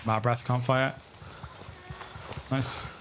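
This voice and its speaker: A man playing a tactical shooter as a teammate, giving calm, matter-of-fact callouts and directions. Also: mid-range voice, slow pace, background noise. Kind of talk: casual gameplay chat and callouts. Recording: loud game sounds behind.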